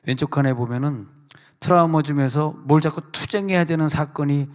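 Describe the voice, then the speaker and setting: A senior pastor giving a chatty sermon at a prayer meeting, teasing the congregation and acting out quotes. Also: male voice, on the high side, fairly quick. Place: church sanctuary. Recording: reverberant church hall.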